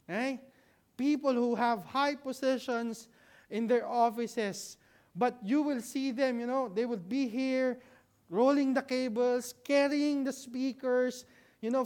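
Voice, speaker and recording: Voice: high voice, slow pace, darkish tone. A preacher giving a conversational sermon in a church hall, posing questions and answering them, checking in with the congregation and adding humorous asides. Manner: rhetorical, asks and answers own questions with frequent "right?".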